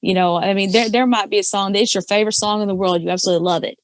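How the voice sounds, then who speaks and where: A woman with a low alto voice appears as a podcast guest, a karaoke singer and judge chatting casually about singing. She talks rapid-fire in a steady tone, full of fillers and restarts, and the recording is dry.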